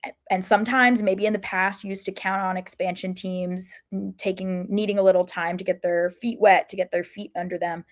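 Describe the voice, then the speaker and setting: A woman co-hosts a podcast, casually and thoughtfully working through sports analysis and frequently correcting herself mid-sentence. She speaks a little fast at medium pitch with fairly even intonation.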